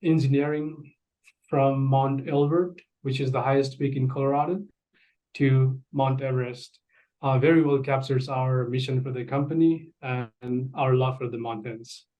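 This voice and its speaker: A man's voice: mid-range voice, steady tone, measured pace, warm tone. A man from Nepal, president of an engineering firm, giving earnest, formally phrased answers on a video call. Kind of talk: prepared interview answers. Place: home office, indoors. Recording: dull lo-fi call audio.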